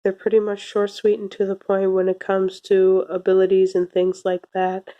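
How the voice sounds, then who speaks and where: A young woman with a soft, slightly cracking voice as she recovers from illness, giving a casual, laid-back review to camera in a small room. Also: mid-range voice, completely flat delivery, normal speed, dull audio. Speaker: video reviewer. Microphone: phone or webcam at arm's length.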